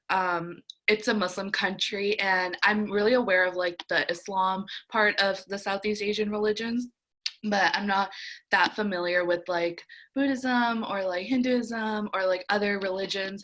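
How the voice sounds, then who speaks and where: A woman's voice: medium pitch, pushed and bright. A young woman student introducing herself to a class over a video call, casual with lots of "like". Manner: casual, frequent "like" fillers.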